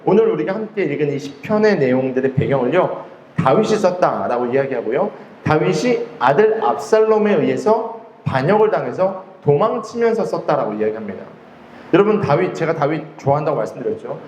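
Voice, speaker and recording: A man's voice: fairly high pitch, animated, a little fast, darkish tone, a little hiss or hum. A male pastor preaching a sermon in a conversational way, often asking the congregation questions. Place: church hall. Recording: echoey hall with faint ambience.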